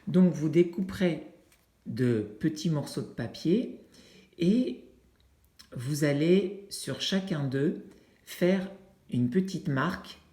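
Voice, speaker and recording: Slow, hesitant teacher in an echoey room. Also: medium pitch, expressive, dark tone. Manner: unhurried, with frequent hesitations and fillers; demonstrates with objects while talking. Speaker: teacher explaining an activity to parents. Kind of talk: instructional video for families. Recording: roomy, echoey indoor sound.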